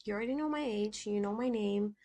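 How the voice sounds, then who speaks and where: With a warm tone, medium pitch, and a fast pace, a young Sudanese woman hosts her own casual podcast, bouncing chattily between thoughts. She's a native Arabic speaker with an American-British mix of accents, and her small desk mic picks up a little hiss or hum.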